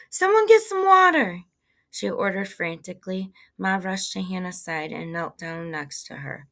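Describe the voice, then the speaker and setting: A woman reading a story aloud as narrator in a steady, plain manner. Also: fairly low pitch, creaky.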